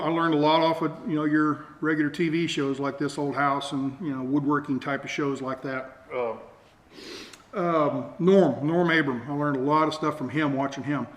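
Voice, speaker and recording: A middle-aged man hosts a DIY build vlog, his voice a little high, steady in tone, fairly bright, and at a normal speed. He rambles through a casual, folksy, hands-on show-and-tell, poking fun at himself along the way. The camera mic picks him up in an echoey room with faint background noise.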